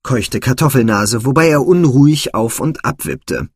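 A man narrating a children's fantasy storybook in a measured, expressive way. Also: mid-range voice, husky, no room sound, studio quality.

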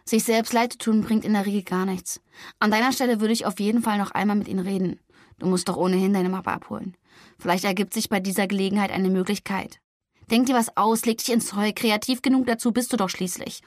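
A woman voicing a stern, sensible young man who speaks firmly and briskly, lecturing his cousin. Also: medium pitch, steady tone, no room sound, studio quality, lightly acted.

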